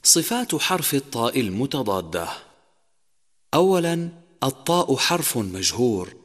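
A man giving a scripted tajweed lesson, listing points in order and drawing out sung example words. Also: medium pitch. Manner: measured, numbered points, slowed sung examples. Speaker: Quran recitation teacher. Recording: long reverb, echoey.

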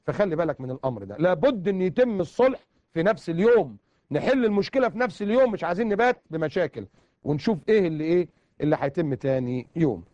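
A man with an Egyptian accent delivers a sermon at a breakneck pace in a fairly high voice, hammering points home with repeated words. The recording is dull and lo-fi but dry, with no room sound. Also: animated, very fast, darkish tone, no echo. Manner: emphatic, repeats words for stress. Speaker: preacher. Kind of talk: colloquial sermon.

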